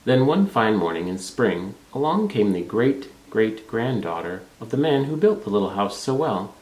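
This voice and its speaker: Male storybook narrator, lower register, animated intonation, recorded in a roomy space. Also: moderate pace. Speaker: storybook reader. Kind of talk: children's read-aloud narration. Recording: roomy, echoing room sound.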